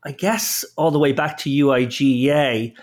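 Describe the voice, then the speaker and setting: A man's voice: mid-range voice, moderate pace. A man talking casually and with opinions as a podcast guest, qualifying his points as he goes. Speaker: podcast guest, poker player and commentator.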